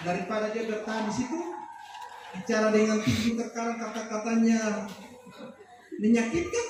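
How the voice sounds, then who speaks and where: A woman giving a seminar talk to parents, lively and often acting out what parents and children say. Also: mid-range voice, noisy background. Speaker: seminar speaker on personality test results. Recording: very echoey hall, far from mic, music behind. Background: background music.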